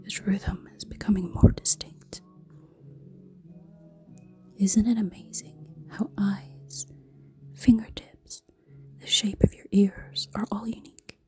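A woman voicing a seductive, menacing female succubus in an erotic audio roleplay, in a slow, teasing, commanding whisper. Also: medium pitch, little pitch movement, soft background music, lightly acted. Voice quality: soft, breathy whisper.

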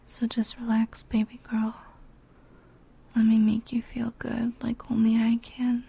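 A woman performs a whispered role-play as a doting, commanding lover. Her voice is very breathy and fairly high, with an unhurried, coaxing delivery that stays close and intimate. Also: completely flat delivery, warm tone. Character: doting, dominant female lover.

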